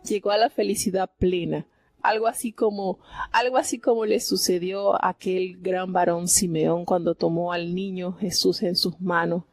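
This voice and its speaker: Husky, gravelly woman preaching. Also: lowish voice, steady tone, moderate pace, dry recording. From Venezuela. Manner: reflective and heartfelt, often asking "¿verdad?". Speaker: Bible commentator. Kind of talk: devotional Bible commentary on a live program.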